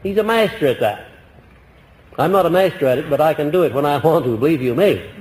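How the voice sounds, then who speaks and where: A man giving a motivational lecture to a live audience, folksy and emphatic, deliberately swinging his voice up and down. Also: a little high, animated, darkish tone, long reverb tail, low-quality recording. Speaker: motivational speaker.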